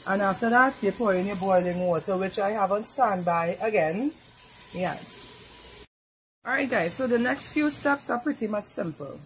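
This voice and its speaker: An animated woman with a medium pitch and moderate pace guides viewers through cooking in her home kitchen, chatting casually in her Trinidadian accent. The home cook comes from Trinidad and Tobago, with slight background noise behind her.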